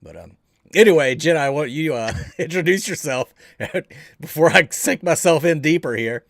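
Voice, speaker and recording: A man's voice: a little high, expressive, moderate pace, a bit bright, dry recording, clean studio sound. A bearded man hosting a casual live-streamed gaming talk show, joking and laughing as he goes. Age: adult with beard. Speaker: podcast host.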